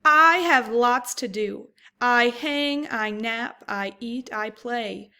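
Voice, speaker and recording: A woman voicing an alert young vervet monkey lookout who whispers warnings and yells alarm calls while reading a storybook aloud. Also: on the high side, slow pace, smooth, heavily acted. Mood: lively.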